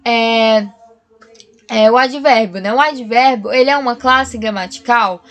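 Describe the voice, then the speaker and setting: A woman teaches grammar in a recorded lesson, her high voice fairly bright and her pace measured. She goes through each point patiently, regularly checking in with the class.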